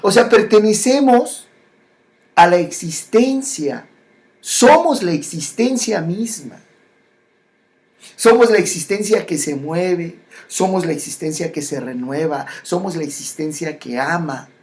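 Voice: mid-range voice, expressive, darkish tone. Reflective spiritual speaker. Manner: slow, repetitive phrasing with many pauses and restarts.

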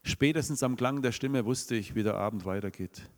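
A man's voice: mid-range voice, moderate pace. Man, Swabian accent, preaching a sermon, rhetorical questions, reverberant hall.

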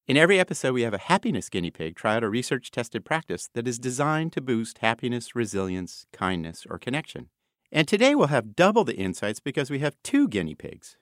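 Lively-pitched man hosting, dry sound. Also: no room sound. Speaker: podcast host. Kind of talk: conversational hosting and interviewing.

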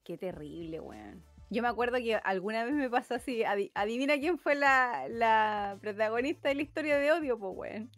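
A woman's voice: fairly high pitch, normal speed, few pauses, soft background music. A woman with a Chilean accent chatting casually, chiming in with short slangy reactions.

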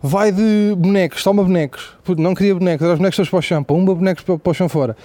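Rapid, profane Portuguese comedian. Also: male voice, sits high, no room sound. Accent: European Portuguese. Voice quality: profane, animated storytelling with asides. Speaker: comedian host. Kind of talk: stand-up comedy monologue.

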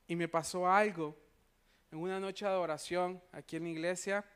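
A man's voice: high-pitched, fairly even intonation, normal speed, fairly bright tone, clear, resonant tone. A man preaching to a church, telling personal stories. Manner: anecdotal, conversational, frequent tag questions. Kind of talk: sermon storytelling.

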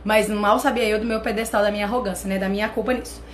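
A Brazilian woman with a Brazilian accent, hosting a channel and telling a personal story in an animated way, talking straight to her viewers. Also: mid-range voice, fast talker, slight background noise. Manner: animated, addresses viewers directly. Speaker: channel host.

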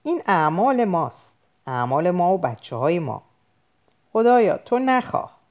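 Anxious pious father in an audiobook , read by a woman, low voice with lively swings, pleading. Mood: fearful.

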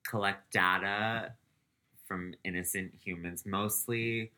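Low-voiced and slow, this man keeps a steady, sharp tone while co-hosting a podcast. He chats casually through celebrity gossip, laughing while telling it and trailing off with "um."

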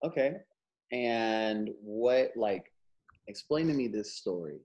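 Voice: mid-range voice, lively intonation, slow pace, darkish tone, highs cut off. A co-host asking curious, rambling questions in casual interview chat.

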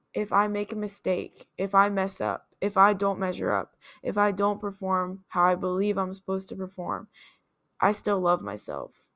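Speaking alone on her podcast, the host reflects earnestly, restarting a few times as she works through her thoughts. Her fairly low voice is gravelly and a bit bright.

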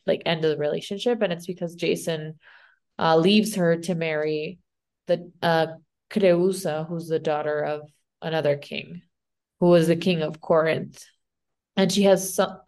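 A woman's voice: deep voice, darkish tone. Rambling woman with a Spanish accent. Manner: rambling, unsure, lots of "like" and restarts. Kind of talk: casual chat retelling a myth.

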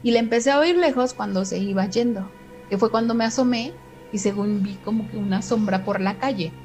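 A middle-aged woman with a Mexican accent tells a story in a relaxed chat. Her voice sits a little high, and she acts out each quoted line with lively changes of voice. Soft music plays faintly behind her. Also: brisk, low-quality recording.

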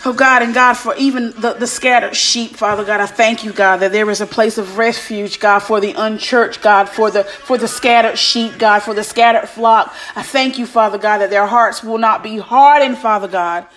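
A woman's voice: a little high, steady tone, moderate pace, few pauses, a bit bright. A woman praying aloud like a preacher, fervent and commanding, punctuating her phrases with repeated invocations of God. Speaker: preacher leading prayer. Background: music.

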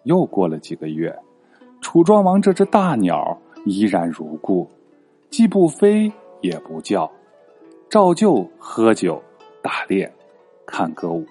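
A father reading history stories aloud with an animated, swooping delivery. His voice is low, warm and slightly husky. Faint guitar music plays behind him. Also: slow pace. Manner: expressive, animated. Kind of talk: children's history storytelling.

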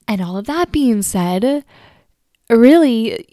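A woman's voice: fairly high pitch, animated, slow, warm tone, dry recording. Chatty woman podcast host. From United States. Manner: earnest, chatty, repeats words when restarting. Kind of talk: casual solo podcast talk. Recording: dry close recording.

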